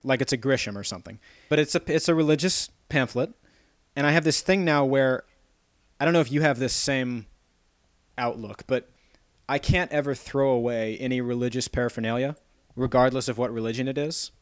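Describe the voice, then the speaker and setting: A man's voice: medium pitch, brisk, smooth, dry recording, studio quality. A man in casual comedic chat, telling a long rambling story and laughing often.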